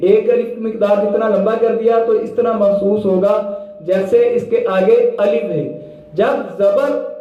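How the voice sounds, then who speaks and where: A man teaching Quran reading, slowly spelling out syllables and chanting them in drawn-out tones between plain explanations. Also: high voice, fairly even intonation, heavy reverb, lo-fi sound, slight background noise. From Pakistan. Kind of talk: slow spelled-out recitation lesson.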